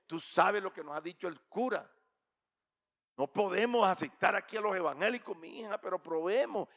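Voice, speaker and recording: A woman's voice: mid-range voice, moderate pace, voice pushed up, natural voice. A man putting on a stubborn rich old lady. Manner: firm refusals, rising to shouts.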